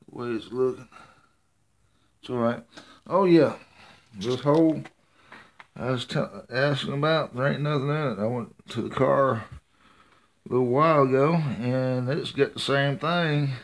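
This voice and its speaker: A middle-aged man, rambling and thinking aloud in a casual vlog while he works on an engine in his home garage, filming with a handheld phone. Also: medium pitch. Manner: rambling, folksy, thinks aloud with many uhs. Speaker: home mechanic vlogger. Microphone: handheld phone camera.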